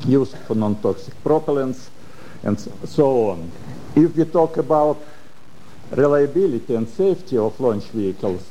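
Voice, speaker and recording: An older man with a Russian accent gives a prepared technical lecture in halting English with dropped articles. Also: mid-range voice, mellow, muffled recording, a little hiss or hum. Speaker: conference speaker, space engineering professor.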